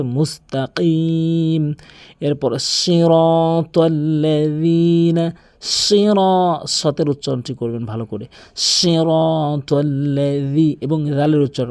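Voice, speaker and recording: A man teaching correct Quran pronunciation, explaining step by step and then reciting the verses slowly and drawn out. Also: mid-range voice, warm tone, no room sound.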